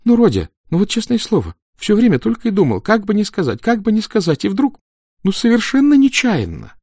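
A man voicing a chubby, timid teenage schoolboy who pleads in a high, whiny voice. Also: wildly swooping pitch, a little fast, darkish tone, no room sound, studio quality, full character voice. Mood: pleading. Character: squealing chubby teen boy makeup artist, timid.

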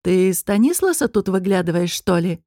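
A smug male demon aristocrat, as a woman narrator puts him on, taunting in a slow mocking drawl. His voice sits dark and mellow, recorded dry and close with no room around it. An audiobook villain who relishes every sneer. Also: on the low side, very animated, no room sound. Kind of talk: audiobook character reading.

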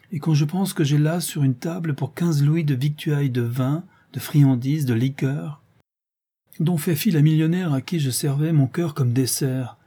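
A man reading aloud and voicing an earnest, lovesick young gentleman who speaks with passion. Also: medium pitch, breathy edge, close to an everyday voice. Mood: musing.

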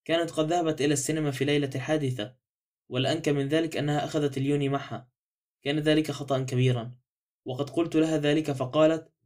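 A man's voice: a little high, fairly even intonation, very fast, darkish tone, close to an everyday voice. A man reading as a chatty apologetic old housemaid. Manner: rambling, apologetic.

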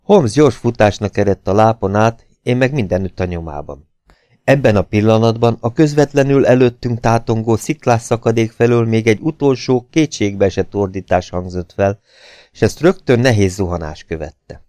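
Brief: male narrator, low warm tone, dry close sound, measured dramatic reading. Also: no echo. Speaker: audiobook reader. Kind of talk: scripted narration.

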